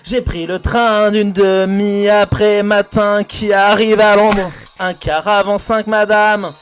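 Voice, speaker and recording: A man sings as a ceremonious gentleman, slow and grave to a tune. His voice sits high, with faint music behind. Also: flat delivery, clean tone. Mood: mock-solemn. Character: stiff formal gentleman in an absurd play. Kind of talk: sung comic parody of theatre lines.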